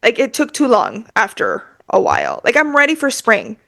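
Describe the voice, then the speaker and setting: Chatty woman co-hosting a podcast, higher voice, animated, fillers everywhere. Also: moderate pace, gravelly. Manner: animated, chatty, heavy use of filler words. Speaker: podcast co-host. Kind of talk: casual chat.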